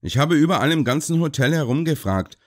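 A man's voice: a little high, lively intonation, brisk, voice pushed up. A man voicing a flustered, eager-to-please hotel servant. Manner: flustered, reassuring.

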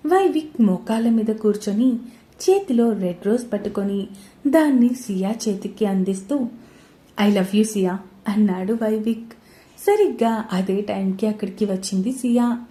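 A woman narrating a romance story in a steady, scripted reading. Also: a little high. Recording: roomy echoey recording.

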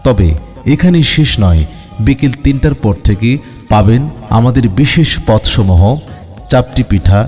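Man announcing through a loudspeaker. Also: medium pitch, lively intonation, measured pace, long pauses. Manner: declaiming, lists items and prices. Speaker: advertising announcer. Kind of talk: promotional announcement. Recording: long reverb with background music.

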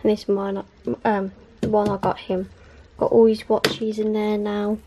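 Filmed on a handheld camera in a bedroom at night, this woman's casual vlog chat is rambling and giggly. Her medium-pitched voice has a flat delivery at normal speed, and the background is noisy.

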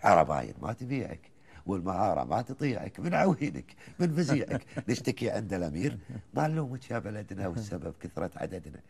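A man with a Kuwaiti accent, a guest on a TV talk show, reciting colloquial poems in a lively, rhythmic way between bits of chat. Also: fairly low pitch, fast talker, creaky, husky. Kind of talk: reciting colloquial poetry in conversation.

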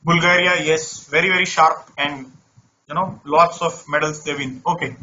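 A man's voice: on the high side, fairly even intonation, normal speed, pushed and bright, dull audio, slight background noise. A man from India teaches an interactive online maths lesson conversationally, often repeating words and phrases. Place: online class over screen share.

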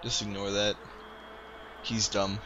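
A young gaming video host runs a casual let's-play, wry as he barks playful orders at the characters, while chiptune music plays and a shower runs behind him. His voice is on the low side, flat and slow, with the highs cut off and a noisy background.

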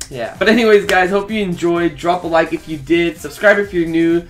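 A man's voice: a little high, normal speed, faint music behind. A young man vlogging casually, candid and self-mocking, talking with lots of "like" and "bro". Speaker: YouTuber. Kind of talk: casual reaction vlog.

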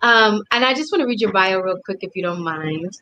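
A middle-aged woman hosting an online interview series, friendly and quick to laugh, on a video call. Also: medium pitch, expressive, bright, forceful tone, no room sound, poor audio. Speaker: host.

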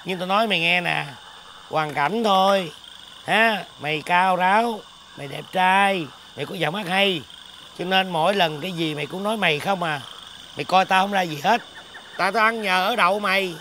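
A man's voice: high voice, sharp tone, slight background noise. An actor playing a poor, touchy adult man who lives off his friend and speaks bluntly and aggrieved, lecturing his friend. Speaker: actor in a music-video comedy drama. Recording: music score under dialogue.

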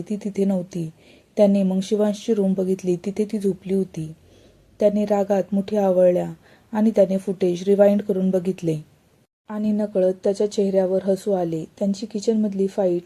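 Woman storyteller, romance narration, dark mellow tone, husky breath. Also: mid-range voice.

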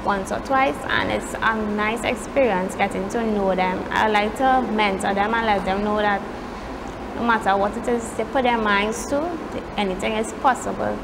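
An eighteen-year-old woman with a Trinidadian accent gives poised, measured answers as a contestant in a pageant interview. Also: medium pitch, fairly even intonation, gravelly, noisy background. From Trinidad and Tobago. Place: indoor studio set with pageant backdrop.

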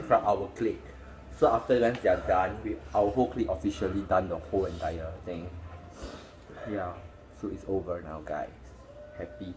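A man's voice: deep voice, darkish tone, reverberant. A young man chatting casually to camera, his mouth burning from spicy food. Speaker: food challenge vlogger. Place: indoor living room at table. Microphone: device camera on table, arm's length. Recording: noisy room, clattering dishes.

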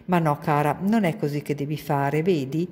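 A woman's voice: low voice, moderate pace, a little mellow, big-room sound, lightly acted. A woman reading aloud and voicing a kind older woman who comforts a child in a soothing, patient way. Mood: gentle.

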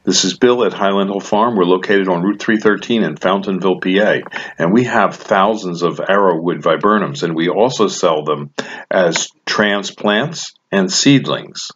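A man introducing his farm and the video in a plain, deliberate way. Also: low voice, fairly bright tone, husky, muffled recording. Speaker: farm owner. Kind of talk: scripted introduction.

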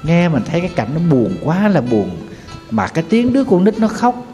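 Mellow-voiced Southern Vietnamese monk. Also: male voice, sits high, wildly swooping pitch, a little fast. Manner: sorrowful storytelling, chanting folk verses. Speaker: Buddhist monk. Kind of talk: storytelling sermon. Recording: long hall reverb with faint music.

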